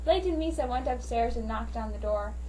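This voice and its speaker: A woman gives an amateur dramatic reading of fan fiction, theatrical and mock-serious, through a noisy, distant home microphone. Her voice is a little high and dark in tone, animated and fairly quick.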